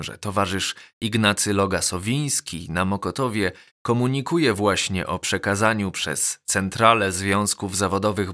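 A man narrating a novel as an audiobook, measured and even. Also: lowish voice. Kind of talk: scripted narration.

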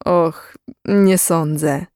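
Narrator doing a gentle young man, hesitant and halting, slow delivery, dry close sound. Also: fairly high pitch, fairly even intonation, dry recording. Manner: hesitant, slow, sparing with words.

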